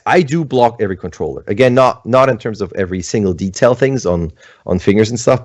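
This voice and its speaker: A man's voice: deep voice, a little mellow, dry recording. A middle-aged man from Switzerland, an animator chatting casually at home on a livestream and answering questions, rambling with many fillers. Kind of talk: livestream talk and Q&A.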